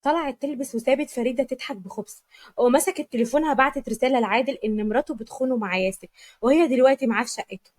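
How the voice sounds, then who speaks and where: A woman's voice: high voice, rapid-fire, darkish tone. A woman with an Egyptian accent narrating a serialized drama story. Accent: Egyptian Arabic.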